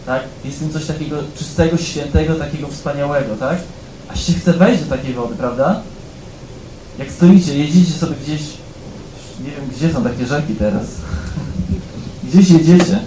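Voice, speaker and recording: A man preaching a sermon in a conversational way, often checking in with the congregation and growing louder as he reads scripture aloud. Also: fairly high pitch, moderate pace, reverberant, a little hiss or hum, low-quality recording. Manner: conversational, keeps asking "tak?" of the congregation; rises louder when reading scripture aloud.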